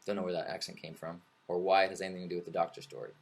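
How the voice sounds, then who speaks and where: Male stream host, lowish voice, easygoing rambling storyteller who jokes as he goes. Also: level tone, racing. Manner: rambling, joking, self-correcting. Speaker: livestream host. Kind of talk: casual livestream chat. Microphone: webcam.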